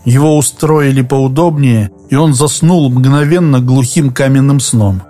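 A man reading a novel aloud as narrator, in an even, measured storytelling voice. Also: medium pitch. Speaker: audiobook reader. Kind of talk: scripted narration. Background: faint music.

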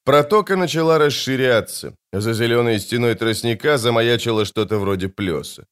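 A man's voice: medium pitch, normal speed, smooth. Man narrating an adventure audiobook. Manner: expressive, lively storytelling.

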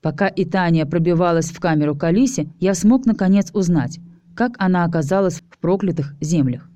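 A woman reading a story aloud as a male first-person narrator, in a steady, even storytelling manner. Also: on the low side, a little fast, dry recording, dull audio. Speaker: audiobook reader. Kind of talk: scripted narration.

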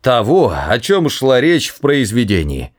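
A man voicing a quick-witted male alien hitchhiker for an audiobook, talking in a raised, quick, coaxing voice. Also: medium pitch, sing-song, darkish tone, pitched above the performer's own voice, lightly acted. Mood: scheming.

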